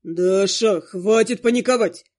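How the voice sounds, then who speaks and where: A grumpy male ghost monster, as a woman reader puts him on, speaking in a low, gravelly grumble. He keeps his lines short and curt, fussing over the heroine. Storybook audiobook character voice. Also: a little slow, darkish tone, close to an everyday voice. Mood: grumbling.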